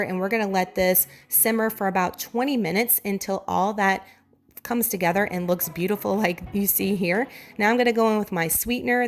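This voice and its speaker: Hoarse, chatty Southern US woman, voice giving out. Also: mid-range voice. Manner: chatty, enthusiastic, addresses viewers directly. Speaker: home cooking vlogger. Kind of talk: casual meal prep voiceover.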